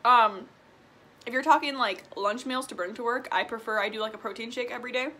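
A little high and a little fast, with a sharp tone, this voice belongs to a twenty-year-old woman from Illinois. As a vlogger she eats while chatting through viewer questions in a casual mukbang Q&A, set in a small room at home, and keeps saying "like" and "um."

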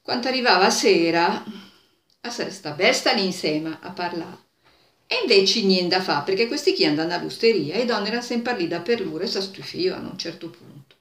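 A woman's voice: on the low side, a little fast. An older woman telling a folk story expressively in Milanese Italian dialect. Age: 60s or older. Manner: expressive, acts out characters' exclamations. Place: small bare indoor room. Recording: roomy, echoey indoor sound.

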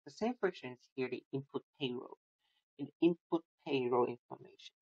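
A man with a mid-range, dark, husky voice presents a student coding project through a screen-recorded code walkthrough. He speaks haltingly, with frequent restarts, fillers, and non-native phrasing, and the recording is dull and lo-fi.

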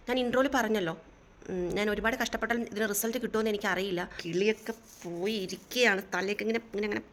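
A woman who teaches dance speaks in a casual vlog and sounds weary and stressed. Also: fairly high pitch. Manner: weary, stressed, talks about her struggles. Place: at home. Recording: loud background noise. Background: children crying at home.

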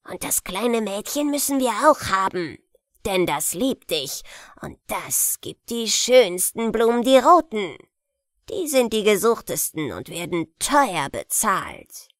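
Woman as evil old wizard, gloating, slow delivery, close dry sound, fairy tale audiobook. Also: medium pitch, big pitch swings, no room sound. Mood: sinister coaxing. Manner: slow, gloating, hushed in places. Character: evil old male wizard luring children. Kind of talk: bedtime fairy tale reading.

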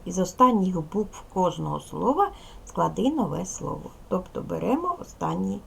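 A woman teaching a recorded lesson to young children, speaking slowly and carefully and addressing them directly as a primary school teacher. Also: lowish voice, sing-song, creaky, a little hiss or hum, poor audio.

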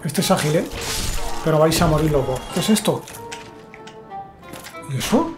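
Spanish guy gaming, kinda high voice, chatty and jumpy, game music going loud behind. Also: brisk. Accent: Spain Spanish. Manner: chatty, excitable, talks to himself and viewers. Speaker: gaming YouTuber. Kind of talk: live gameplay commentary.

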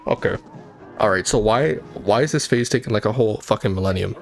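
This gaming channel host talks in a lowish, gravelly voice, a little fast, over soft background music. He's a young man cursing constantly and riffing jokes at a boss fight as he plays into his desk mic.

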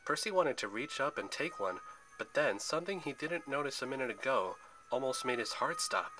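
Male storyteller, expressive read-aloud, bright and forceful. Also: medium pitch, brisk, faint music behind, rough recording. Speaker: narrator. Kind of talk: dramatic story narration.

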